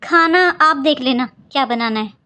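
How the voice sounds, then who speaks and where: A woman's voice: high voice, moderate pace, sharp tone, a little hiss or hum. A woman voicing an overworked young daughter-in-law and new mother who pleads her case in a Hindi cartoon. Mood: pleading. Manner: pleading, complaining, earnest.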